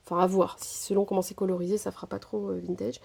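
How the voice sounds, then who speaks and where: Chatty woman with a mellow voice. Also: mid-range voice, level tone, quick pace, creaky, breathy edge. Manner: chatty, filler-heavy, keeps saying "voilà". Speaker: crafting vlogger. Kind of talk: casual haul chat. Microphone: phone camera.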